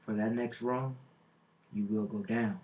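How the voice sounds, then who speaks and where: Man, wrestling promo, slow boastful delivery, dramatic pauses, taunting, dull lo-fi recording. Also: on the low side, fairly even intonation.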